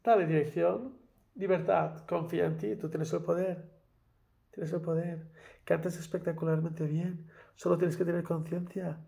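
A man's voice: fairly high pitch, level tone, normal speed, creaky, warm tone. A man teaching a singing lesson in Spanish, talking through exercises with encouragement and singing short scale demonstrations on "la". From Spain. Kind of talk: vocal lesson with sung exercises.

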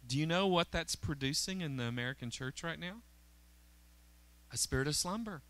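On the stage of an indoor church auditorium, a middle-aged pastor with an expressive voice on the high side, fairly bright in tone, speaks at normal speed. He holds a handheld mic and preaches conversationally, often checking in with the congregation.

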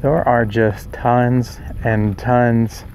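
Talking extremely slowly in a level, mid-range, slightly mellow voice, an Oklahoma-accented man narrates as he strolls around a rural yard at a roadside attraction. The relaxed, chatty vlog is filmed outdoors with a handheld camera, with slight background noise.

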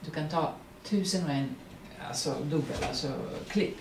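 A woman with a Serbian accent and Serbian as her first language, speaking as the guest at a public artist talk, animated, laughing often and searching for words. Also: low voice. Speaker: guest actress. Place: print workshop event room. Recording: roomy, distant mic, faint noise.

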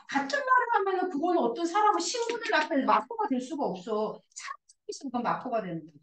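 A woman teaching a high school English class, explaining a passage and coaxing her students with constant questions. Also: fairly bright tone, reverberant, far from the mic, poor audio. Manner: coaxing, asks students questions and answers herself.

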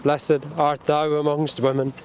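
A man leading a burial service outdoors at a cemetery, reciting the prayers in a solemn, measured way. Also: a little high, little pitch movement, darkish tone, a little hiss or hum. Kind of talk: liturgical graveside prayer.

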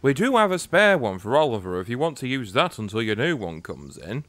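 A helpful workman speaks in a plain, matter-of-fact way with a lively lilt, as a man reads him, over soft music. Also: medium pitch, brisk.

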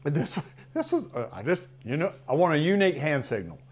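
Older man, dog trainer, animated and emphatic with a lively, higher voice. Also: a little fast. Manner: animated, repetitive, big swings in emphasis. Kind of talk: casual advice talk to camera.

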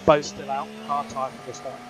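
A man's voice: mid-range voice, level tone, normal speed, fairly bright tone. A man giving clipped race engineer instructions over a race car radio, repeating key calls. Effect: race car team radio. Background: car engine noise.

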